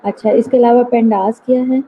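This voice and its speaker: A woman teaching a nursing class online, explaining terms patiently and slowing down to read out English definitions. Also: on the high side, steady tone. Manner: explanatory, mixes English terms, reads slowly from notes. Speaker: nursing lecturer. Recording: tinny phone-like line, faint noise.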